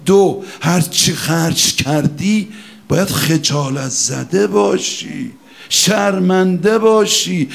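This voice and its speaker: Male preacher, high and impassioned, shouting and chanting a mourning sermon. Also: gravelly.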